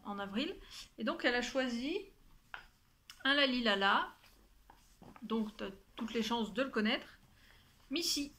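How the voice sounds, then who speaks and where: A woman's voice: a little high, fairly bright tone. A young woman hosting a knitting podcast, chatting casually to camera at home with lots of fillers and restarts. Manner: chatty, many fillers and restarts, addresses listener directly.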